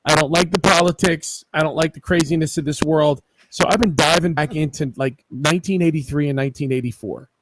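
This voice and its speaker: A man's voice: on the high side, fairly quick, few pauses, a little hiss or hum, low-quality recording. A man chatting casually on a video call about music he has been listening to, his voice cutting in and out as the connection drops.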